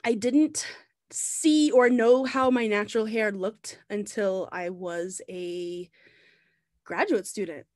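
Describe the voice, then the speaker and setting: A woman in her thirties who grew up in the Bahamas talks through her slides in a loose, conversational way, pausing on ums. Her video-call audio is close and dry, with no room echo. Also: medium pitch. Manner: relaxed and conversational, with many ums and restarts. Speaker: visiting artist giving a talk. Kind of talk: presenting slides in a lecture.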